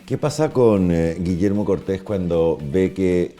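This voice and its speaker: A man interviewing a guest, asking short questions and giving quiet prompts. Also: low voice, measured pace, soft background music.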